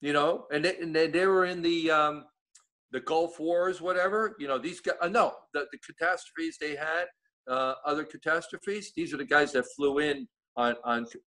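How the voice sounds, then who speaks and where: A guest with an East Coast American accent gives updates in casual chat, rambling and restarting many times. His slightly high voice sounds pushed and bright, at a normal speed.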